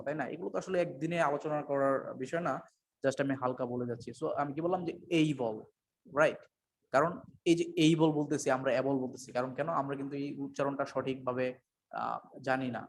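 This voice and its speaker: A man giving an unscripted English pronunciation lesson, mixing two languages, pausing often with fillers and correcting himself. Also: mid-range voice, slight background noise. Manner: hesitant, many fillers and self-corrections. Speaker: English teacher.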